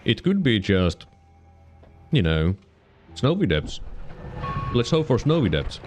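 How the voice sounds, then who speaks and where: A man giving casual let's-play commentary, musing to himself with sudden excited yelps. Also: fairly low pitch, soft background music. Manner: musing, self-talking, quick excited yelps. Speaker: gaming channel host.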